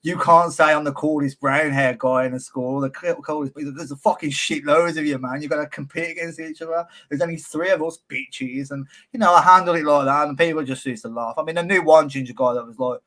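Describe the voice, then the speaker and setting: A man's voice: a little high, fairly even intonation, a little fast, few pauses, a bit bright. Brummie man, blunt laddish banter. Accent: Birmingham. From Birmingham, England. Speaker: podcast host. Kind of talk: casual interview chat.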